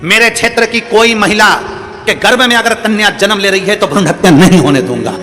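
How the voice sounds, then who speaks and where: A man's voice: high-pitched, fairly quick, sharp tone. Man preaching, with echoing hall reverb. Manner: sings bhajan lines, then preaches in rhythmic repetitions. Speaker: religious storyteller.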